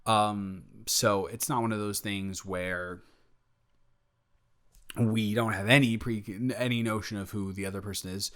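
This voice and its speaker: A man voices a smitten young roommate in an improvised romantic audio roleplay, playful yet halting, self-correcting, and jokey as he rambles. His fairly low pitch holds a steady, fairly bright tone, and he sounds smitten and flustered.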